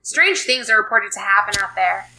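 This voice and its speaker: A woman's voice: medium pitch, expressive, normal speed, bright, forceful tone, slight background noise, rough recording. A woman reading the lines of a friendly male police sergeant from a story card. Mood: matter-of-fact. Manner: read aloud from a card.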